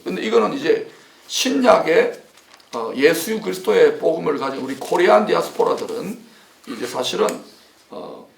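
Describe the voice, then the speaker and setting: Creaky, higher-pitched male pastor. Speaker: pastor and host. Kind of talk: sermon turning into interview. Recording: roomy echo.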